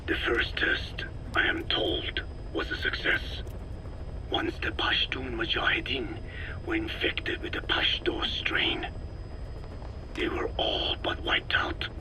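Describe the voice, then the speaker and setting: Whispering at medium pitch that swoops wildly, a male actor portrays a frail old scientist explaining his work in a video game. The delivery is a weak, breathy rasp, slow, precise and scientific, grave and clinical, and the expository recording is low quality.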